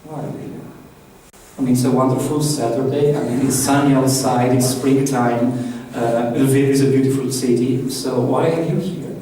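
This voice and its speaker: Talking to a live audience in a large, echoey conference room, an Italian trainer with an Italian accent keeps his workshop chatty and loose, putting questions to the room. His mid-range voice is warm, with fairly even intonation and a moderate pace. The recording is distant, with faint hiss.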